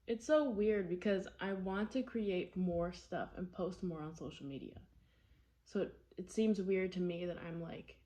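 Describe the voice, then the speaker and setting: A woman's voice: lowish voice, dark tone. A woman speaks in a casual personal vlog style. She is candid and rambles along, often doubling back on her words and repeating them as she thinks aloud. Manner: candid, rambling, with frequent repetition. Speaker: vlogger.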